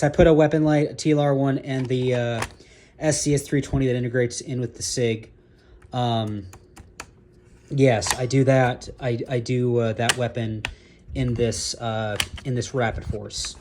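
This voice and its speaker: A man's voice: mid-range voice, a little mellow, slight background noise. A man in security work walking through his duty belt gear casually, rambling and correcting his own slips as he goes.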